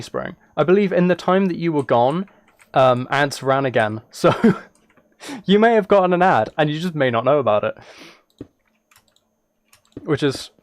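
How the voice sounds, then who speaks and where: Keyboard and mouse clicks and clear background noise accompany a man live streaming a game from his indoor computer. His medium-pitched voice, recorded dry, delivers casual, rambling commentary that amuses himself.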